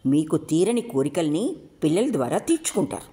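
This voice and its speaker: A woman storyteller voicing a defiant teenage daughter who shouts back at her parents. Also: low-pitched, sing-song, fairly quick. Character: defiant rebellious teenage girl Shabari.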